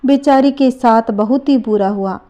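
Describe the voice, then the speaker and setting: A woman tells a devotional folk tale in a steady, expressive manner. Her voice is mellow and warm, pitched a little high for a woman. She reads it as a storyteller. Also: a little slow.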